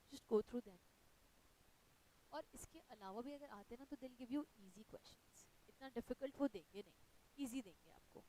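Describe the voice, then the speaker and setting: A woman's voice: on the high side, darkish tone, slight background noise, low-quality recording. A woman with an Indian accent teaching an online exam-prep lecture, explaining patiently in mixed Hindi and English and checking in with "right?".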